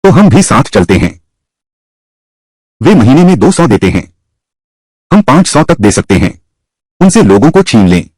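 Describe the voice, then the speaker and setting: This is a confident young entrepreneur voiced by a man in a drama dub. He speaks in a steady, persuasive way, and his pitch moves lively through each line. The recording is close and dry. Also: a little slow, pauses often, no room sound. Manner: assured, calmly persuasive.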